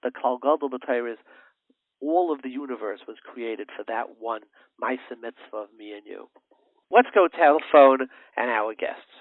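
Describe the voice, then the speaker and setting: A man hosting a religious radio talk show, telling a story with lively swings between loud emphasis and hushed narration. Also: mid-range voice, moderate pace, no room sound. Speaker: radio host. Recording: narrow phone-line sound, dry.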